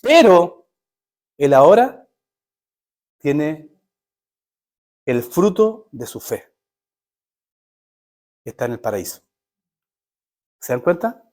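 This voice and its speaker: A man's voice: on the high side, very animated, very slow, pauses often, darkish tone. A man preaching a sermon as pastor, emphatic and full of rhetorical questions to his listeners.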